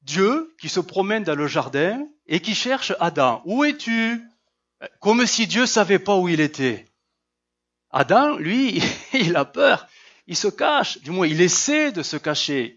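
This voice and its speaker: Male pastor, sermon, high and very lively voice, acts out scripture, slightly muffled recording. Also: normal speed. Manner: animated, acts out Bible voices, rhetorical questions.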